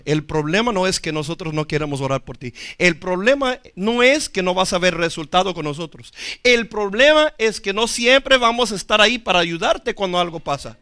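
A male pastor preaching a sermon. He speaks with emphasis, swinging from loud to hushed and calling on the congregation to answer. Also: a little high, dry recording, clean studio sound.

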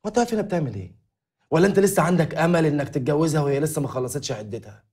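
An actor playing a pushy, mocking ex-husband in a comedy series, talking in a rapid, brash way. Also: male voice, fairly high pitch, expressive, darkish tone, close to an everyday voice. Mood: taunting. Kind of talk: TV comedy drama acting.

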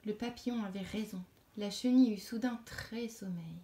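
Une femme qui lit un conte pour enfants à voix haute, d'un ton doux qui se fait parfois murmure. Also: female voice, mid-range voice, normal speed, slight background noise. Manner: gentle, dropping to a hush at bedtime moments. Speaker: storyteller. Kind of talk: reading a children's story aloud.

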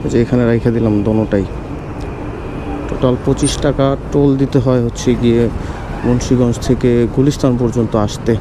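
Fast-talking Bangladeshi man over road noise. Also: medium pitch, fairly even intonation. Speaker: motorcycle vlogger. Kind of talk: casual motovlog commentary. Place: outdoors, riding a motorbike on city roads. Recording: clear road and traffic noise.

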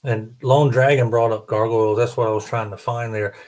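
Picked up close on a boom-arm studio mic in a small home room, this middle-aged man hosts a collector panel by video call. He talks briskly with a steady tone in a mid-range, darkish voice, wandering a little as he thinks aloud in the casual chat.

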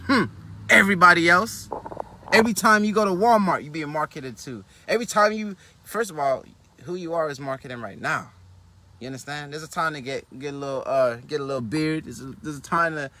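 Bright-voiced man giving a pep talk. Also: a little high, brisk. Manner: animated, loose and conversational, with frequent asides. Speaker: motivational business speaker. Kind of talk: live-streamed motivational talk. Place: inside a car.

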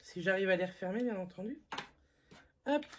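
Female beauty vlogger, relaxed and chatty, teasing herself while showing products to camera. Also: mid-range voice, normal speed, a little hiss or hum. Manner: chatty, self-mocking, lots of fillers. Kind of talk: casual makeup haul review.

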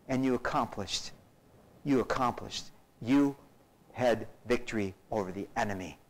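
Preaching with lots of animation, a male pastor with a mid-range voice plays out scenes using different voices and falls dramatically to near-whispers. The audio is poor.

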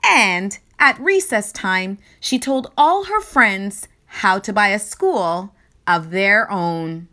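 Reading a children's story in a mid-range voice, this woman gives expressive narration, stressing words deliberately and theatrically.

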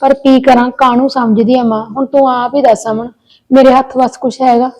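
A woman's voice: high-pitched, little pitch movement, moderate pace, darkish tone, lightly acted, poor audio. A woman playing a childless elder daughter-in-law who pours out her worries in earnest, pleading runs in a village short film. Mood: worried, caring. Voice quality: earnest, pleading, talks in long complaining runs. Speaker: elder sister-in-law in a family drama. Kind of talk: village short-film acting, heartfelt chat.

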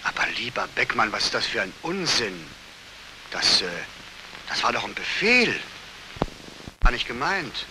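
An actor playing a jovial, condescending older army colonel, breezy and patronizing, in 1940s film acting. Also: male voice, mid-range voice, sing-song, unhurried, pauses often. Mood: dismissive. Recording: hissy old 1949 film soundtrack.

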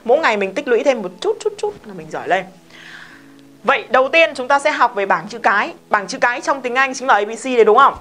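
Woman teaching english, chatty and emphatic, keeps asking the class stuff, bit of soft music behind. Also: fairly high pitch, lively intonation, fast talker. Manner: chatty, emphatic, talks straight to students with questions. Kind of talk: casual spoken lesson.

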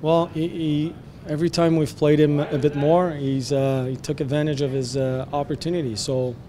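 Measured coach with a French Canadian accent. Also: male voice, on the high side, flat delivery, dark tone. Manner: measured, many fillers and restarts. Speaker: hockey head coach. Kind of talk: post-game press interview. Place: arena media backdrop, indoors. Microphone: handheld press mics close.

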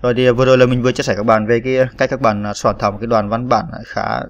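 Racing along in a level, mid-range voice, a man gives a step-by-step screen tutorial on typing, patiently spelling out each key while using lots of fillers. He's a computer tutorial instructor, recorded with no echo.

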